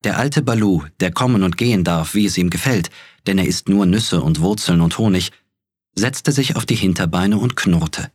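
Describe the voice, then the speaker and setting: Man reading a storybook out loud, deep low voice, kinda husky, calm. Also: normal speed, no room sound, clean studio sound. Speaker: audiobook narrator. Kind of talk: scripted narration.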